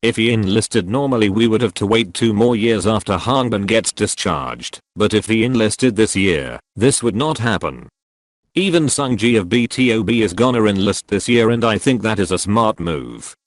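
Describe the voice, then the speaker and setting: A text-to-speech male voice reading a scripted opinion commentary with an even, synthetic delivery. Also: on the low side, normal speed, no echo. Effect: text-to-speech robot voice.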